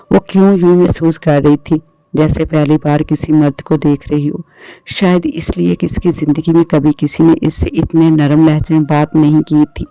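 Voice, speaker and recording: A man reading a scripted horror story in an even, measured narration. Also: fairly high pitch, vocal fry, no echo, rough recording.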